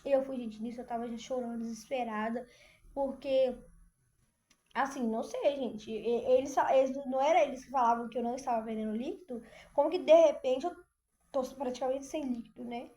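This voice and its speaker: A young woman from Brazil telling a personal story in a lively way, speaking straight to her viewers and often breaking off with fillers and restarts. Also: high voice, brisk. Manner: animated, addresses viewers as "gente", many fillers. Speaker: vlogger.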